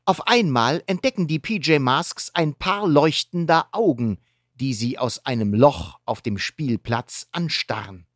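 Woman narrator for a kids' storybook, low voice, slow and lively, dry close sound. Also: no echo. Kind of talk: children's storybook reading.

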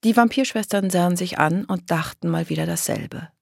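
A woman narrating a children's audiobook in a calm, even storytelling voice. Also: lowish voice, moderate pace, gravelly, no echo, studio quality.

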